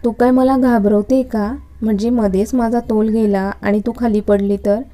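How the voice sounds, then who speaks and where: A woman's voice: fairly high pitch, steady tone, normal speed, dark tone, natural voice. A woman reading the part of an irritable young male college lecturer in a story, speaking in a curt, scolding manner. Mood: irritated.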